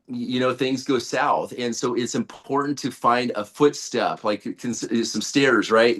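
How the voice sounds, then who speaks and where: A man speaks on a group video call, pushing hard with a salesman's hype. He rambles, restarts sentences and leans on fillers while his voice stays in a middle pitch. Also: fairly bright tone. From United States. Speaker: guest, network-marketing leader.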